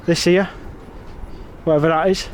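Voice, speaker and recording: A man's voice: on the high side, steady tone, normal speed, slight background noise. An English man vlogging as he walks a town's streets and pubs, giving a blunt, sweary, wry running commentary. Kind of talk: casual walking vlog. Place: outdoors on town streets at night, then inside a pub.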